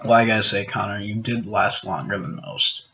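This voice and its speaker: A man's voice: lowish voice, steady tone, normal speed, pushed and bright, a little hiss or hum. A young man from the US Midwest co-hosting a casual podcast, laid-back and saying "man" a lot. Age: young adult. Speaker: podcast co-host. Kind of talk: casual chat. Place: apartment living room. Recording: dull lo-fi home recording.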